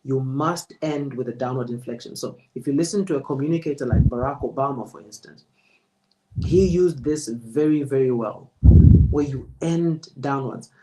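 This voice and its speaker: A man giving a presenter spoken feedback as a public speaking coach, in a measured, emphatic, deliberate way. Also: medium pitch, warm tone, rough recording.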